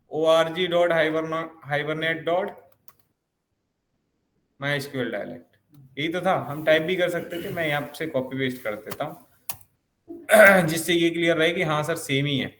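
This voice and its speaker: A man's voice: fairly high pitch, a bit bright. A man teaching a programming lesson, explaining step by step and asking himself questions as he goes. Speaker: programming instructor. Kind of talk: coding lesson. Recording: echoey room with faint noise.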